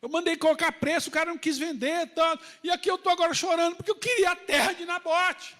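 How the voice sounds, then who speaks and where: A man voicing a spoiled, sulking king, high-pitched and whining. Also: steady tone, quick pace, fairly bright tone. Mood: whiny.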